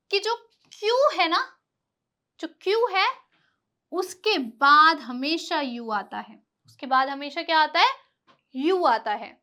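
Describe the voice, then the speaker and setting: A woman's voice: extremely high pitch, pushed and bright. A woman teaching English letter sounds, asking questions and answering them herself, spelling words out letter by letter. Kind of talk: classroom lesson.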